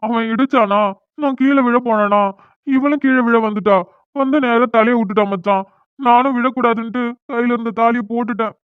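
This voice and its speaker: A woman's voice: a little high, fairly even intonation, fairly quick, clean tone, dry recording, natural voice. Whiny young cartoon guy, a woman doing him, thin phone-like sound, dry room. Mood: upset. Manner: complaining, self-pitying, pleading. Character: young man, newly and unwillingly married, whiny. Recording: dry, tinny phone-like audio.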